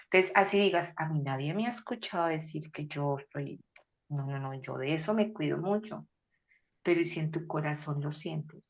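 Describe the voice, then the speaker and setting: A woman speaks on a faith podcast in a somewhat low voice, animated and expressive, jumping into quoted voices with bursts of loudness. The audio is dull and lo-fi. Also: moderate pace. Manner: animated, acts out quoted voices with sudden loud exclamations. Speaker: guest speaker. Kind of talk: faith-based podcast conversation.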